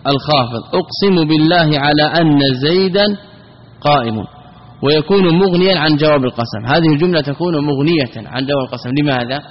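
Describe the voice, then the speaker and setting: A man with a fairly high voice teaches a classical grammar lesson. He explains step by step and keeps asking questions that he then answers himself. The recording is dull and lo-fi, with a long reverb like a large hall. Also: a little hiss or hum.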